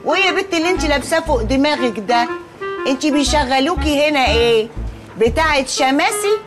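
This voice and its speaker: A brash, folksy older auntie who meddles loudly in a high Egyptian voice. Her delivery is theatrical, with music behind. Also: expressive, quick pace. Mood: indignant.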